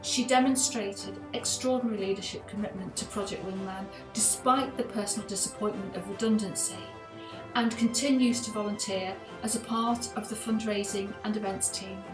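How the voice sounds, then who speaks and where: A middle-aged woman presenting awards over a video call, reading each citation at a measured pace. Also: medium pitch, fairly even intonation. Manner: measured, reads from a script. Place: attic room at home. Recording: roomy video call audio with music.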